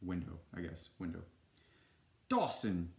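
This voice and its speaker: A man's voice: lowish voice, moderate pace, roomy sound. A man reading a children's storybook aloud, with casual, self-deprecating asides. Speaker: storybook reader.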